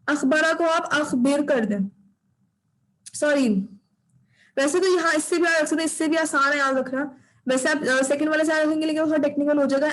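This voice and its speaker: A woman's voice: sits high, low-quality recording. A woman teaching an online class, patiently drilling recitation and repeating her corrections over a video call.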